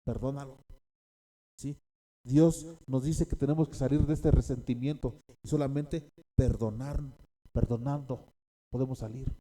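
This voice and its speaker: Dark-voiced pastor preaching. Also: male voice, mid-range voice, steady tone, moderate pace. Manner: repeats key phrases, checks in with the congregation. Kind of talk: sermon.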